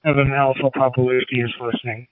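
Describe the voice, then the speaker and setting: Over two-way radio, a man from the United States plays a ham operator, calling out unhurried procedural messages and spelling with the phonetic alphabet. His mid-range voice shows little pitch movement; the audio is dry, distant, and narrow like a walkie-talkie.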